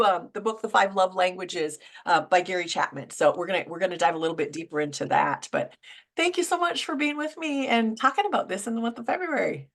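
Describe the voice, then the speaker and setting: A woman's voice: on the high side, creaky, a bit bright. A middle-aged woman hosting a casual faith and wellness talk show, chatty, with frequent fillers and restarts. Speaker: podcast host.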